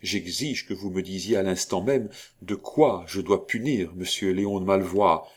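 A man's voice: on the low side, expressive, takes it slowly, full character voice. Man reading an earnest young nobleman. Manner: firm and commanding.

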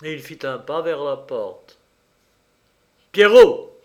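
A man reading a fairy tale aloud in a measured, expressive narration. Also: medium pitch. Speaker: storyteller. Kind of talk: storybook reading.

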